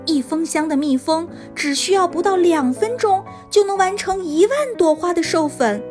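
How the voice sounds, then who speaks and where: A woman narrating a scripted children's story in an expressive storytelling manner, as if for young listeners. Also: extremely high pitch, moderate pace, faint music behind.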